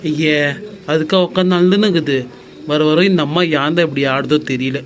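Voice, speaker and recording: A man voicing a quick-tempered young husband in a cartoon, gruff and scolding, with a Bangalore Tamil accent. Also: fairly high pitch, slight background noise, lightly acted. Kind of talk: cartoon voice acting.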